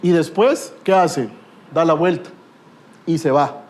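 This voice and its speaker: A man's voice: a little high, slow. A middle-aged man preaching a sermon with a Guatemalan Spanish accent, telling stories with humor and rhetorical questions.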